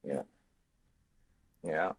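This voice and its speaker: A man hosting a casual interview over a video call, laid-back and slangy, with many fillers. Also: drawn-out words. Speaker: podcast host.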